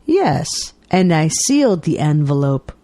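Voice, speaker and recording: A woman reading everyday dialogues aloud for English learners with clear, deliberate enunciation. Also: low voice, big pitch swings, warm tone, dry recording. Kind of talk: slow scripted dialogue reading.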